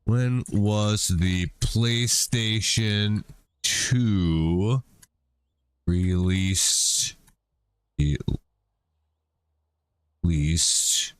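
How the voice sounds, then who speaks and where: A middle-aged man with a lowish voice talks through a gaming stream in a loose, rambling way, dropping profanity casually. The sound is dry and close, with no room echo. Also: drawn-out words, pauses often, clear, resonant tone. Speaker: game streamer. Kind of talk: casual chat while gaming.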